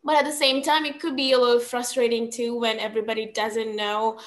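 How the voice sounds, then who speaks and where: A woman's voice: on the high side, flat delivery, brisk. Young woman from Sri Lanka, video call. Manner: frequent ums, earnest and reflective. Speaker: podcast guest. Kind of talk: casual conversational storytelling. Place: small room at home.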